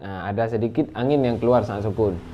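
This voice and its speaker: A man with an Indonesian accent teaching Quran letter pronunciation, speaking slowly and patiently and breaking into raised, drawn-out recitation for examples. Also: on the low side, muffled recording. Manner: slow, patient, drawls sounds and recites in a raised chanting voice. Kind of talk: tajwid lesson on letter articulation.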